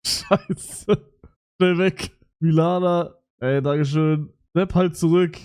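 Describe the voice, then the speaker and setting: A young man streaming live, reacting to messages in loud, excitable, slang-heavy chatter. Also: on the high side, slow pace, clean tone. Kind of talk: casual livestream reaction.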